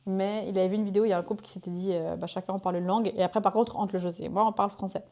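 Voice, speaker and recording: A woman's voice: mid-range voice, steady tone, rapid-fire, dark tone. A young woman, pregnant, chatting casually to her viewers in a rambling, self-interrupting way. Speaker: vlogger. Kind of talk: casual chat to camera.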